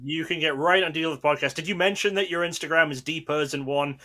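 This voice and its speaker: A man co-hosting a podcast, speaking fast with a bright, forceful tone and a fairly high voice. He chimes in briskly with reminders. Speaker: podcast co-host. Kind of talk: casual podcast chat.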